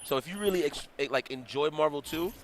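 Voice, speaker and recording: A man's voice: on the high side, fast, slight background noise. A man commentating a fighting game tournament in casual chat, telling stories with slangy, laughing delivery. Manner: animated storytelling, laughing, slangy.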